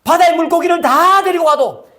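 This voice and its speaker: A man's voice: very high-pitched, a little fast, pushed and bright, pitched above the performer's own voice. A pastor voicing an old male leader who complains and argues with God in a raised, pleading voice. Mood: indignant.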